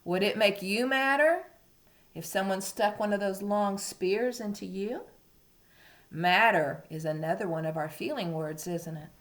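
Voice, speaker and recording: In a mid-range voice at a slightly slow pace, a woman teacher reads a storybook aloud to small children. She's expressive and talks as she would to a toddler, coaxing the little listeners with simple questions.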